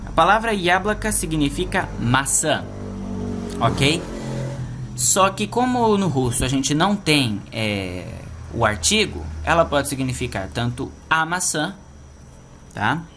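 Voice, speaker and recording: A man's voice: on the high side, very animated, takes it slowly, fairly bright tone, a little hiss or hum. A man with a Brazilian Portuguese accent, teaching a language lesson online and explaining patiently, often checking in with his listeners.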